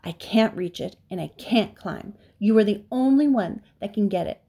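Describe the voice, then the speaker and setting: A woman's voice: medium pitch, expressive, normal speed, mellow, slightly rough. A woman voicing a young male pig in a storybook reading, emotional, urgent and pleading.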